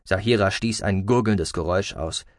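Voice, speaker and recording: A man narrating an audiobook in a calm, measured way. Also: low voice, no room sound, clean studio sound. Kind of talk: scripted narration.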